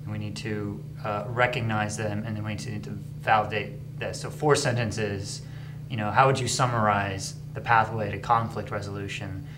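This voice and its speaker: A man interviewing a guest, hesitant and filling pauses while he frames his questions. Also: fairly low pitch, level tone, background noise. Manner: hesitant, many fillers while framing questions.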